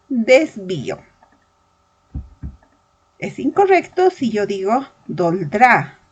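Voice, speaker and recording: Female teacher, husky tone, lively pitch, slow measured delivery for a language lesson. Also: dull audio. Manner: slow, deliberate, spelling out examples. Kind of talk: verbal reasoning lesson.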